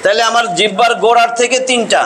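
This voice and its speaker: A man with a high, bright-edged voice teaches recitation in an informal classroom style. He repeats each sound slowly again and again, explaining where the tongue touches the teeth. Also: fairly even intonation, slight background noise, poor audio. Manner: drills sounds by slow repetition. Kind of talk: classroom pronunciation lesson.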